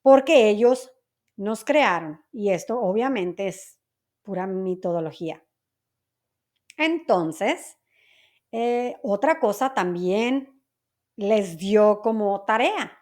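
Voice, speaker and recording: A woman's voice: mid-range voice, expressive, takes it slowly, pauses often, a little mellow. A woman teaching Spanish vocabulary to learners, explaining each word patiently and often checking that her listeners understand. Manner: patient, checks understanding with repeated tag questions.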